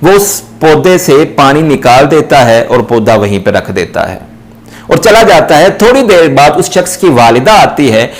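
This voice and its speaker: A man hosting his own channel, giving an earnest talk on raising children, telling a story and speaking straight to his viewers with slow, searching questions. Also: on the high side, very animated. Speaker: channel host. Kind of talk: motivational parenting talk.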